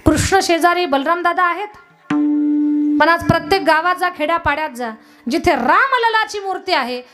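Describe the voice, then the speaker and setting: Female kirtan preacher, high-pitched and emphatic, over tabla. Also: normal speed, sharp tone. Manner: emphatic, addresses audience directly. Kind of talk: devotional sermon with storytelling. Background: tabla music.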